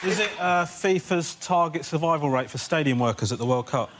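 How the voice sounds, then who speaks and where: Animated teasing male panellist. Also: on the high side, brisk, a loud crowd. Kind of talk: comedy panel banter. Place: TV studio with audience. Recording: loud audience laughter, noisy.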